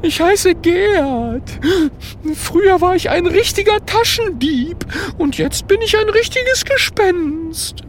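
A woman doing Gerd, a shrill sobbing ghost. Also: takes it slowly, a little hiss or hum. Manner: wailing, sobbing, high and shrill. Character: weepy boastful male ghost, former pickpocket.

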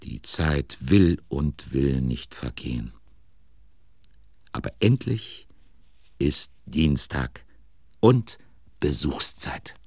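A man narrating a children's audio drama as a dramatic, deliberate storyteller with a gravelly voice. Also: extremely low pitch, very animated, darkish tone, no echo, heavily acted. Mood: storytelling. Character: storyteller of a children's tale, attentive and suspenseful.

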